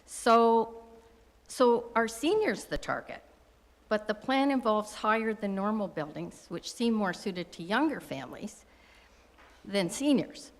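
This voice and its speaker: A woman's voice: mid-range voice, expressive, measured pace. A woman from Wasaga Beach in Ontario, Canada, making a chatty public comment at a council meeting, with restarts and asides. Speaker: resident speaking at public meeting. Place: council chamber. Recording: council chamber with long reverb.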